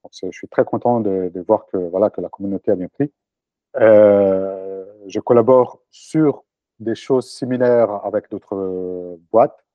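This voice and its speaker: Here an Italian entrepreneur in his forties gives casual interview answers in a lowish voice at a measured pace. He hesitates often, with many fillers and restarts, and the recording is dry and slightly dull.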